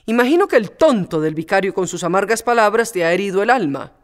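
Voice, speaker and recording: A man's voice: high-pitched, sing-song, fast. A man reading a storybook aloud and voicing a blunt, motherly older woman who scolds and fusses. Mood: worried. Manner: scolding, fussing.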